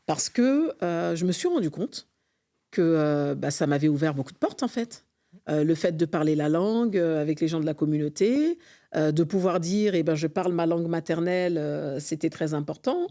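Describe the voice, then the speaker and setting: Deep and dark-toned, with lively intonation at normal speed, the voice belongs to a middle-aged Frenchwoman, an association's vice-president, who speaks fervently and hesitantly as a podcast interview guest.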